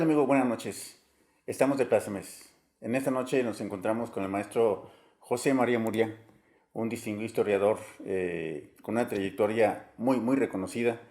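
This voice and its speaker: Earnest, mellow-voiced interviewer. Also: male voice, medium pitch, normal speed. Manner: earnest and formal, with frequent hesitation fillers. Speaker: interviewer, host. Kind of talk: formal introduction and interview.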